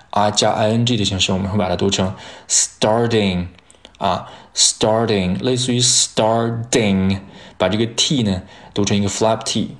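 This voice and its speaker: Brief: young male English teacher, Chinese first language, slightly low voice, patient slow drills. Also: gravelly. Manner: drills phrases slowly, repeating them. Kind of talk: pronunciation lesson.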